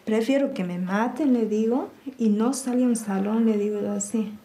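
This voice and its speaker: A woman with an Argentine accent giving personal testimony, recounting events by quoting dialogue in a low, subdued way. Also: moderate pace, dark tone. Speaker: interviewee.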